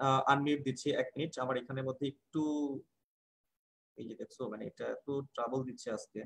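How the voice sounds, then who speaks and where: A man's voice: mid-range voice, steady tone, fairly quick, vocal fry, a bit bright. A man teaching English grammar in an online class, answering a student's questions patiently and repeating key points. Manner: explains patiently, repeats points, asks rhetorical checks. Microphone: video call.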